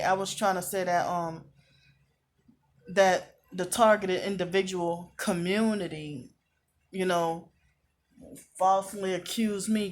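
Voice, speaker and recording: Aggrieved woman vlogging from a hotel room. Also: lowish voice. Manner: aggrieved, repetitive, frequent throat clearing. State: tired. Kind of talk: casual monologue to camera.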